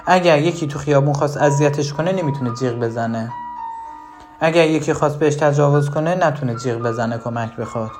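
A parenting advisor giving direct advice to the listener, asking rhetorical questions and shifting between lively and low, emphatic tones. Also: over music.

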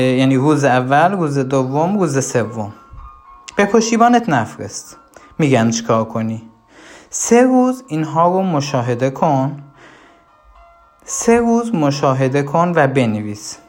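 Brief: instructive parenting coach, mid-pitched voice, blunt rhetorical questions, soft music underneath. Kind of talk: recorded course lesson.

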